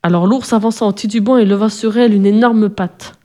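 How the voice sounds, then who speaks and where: A woman reading a children's storybook aloud as narrator, calmly and evenly. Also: mid-range voice, brisk.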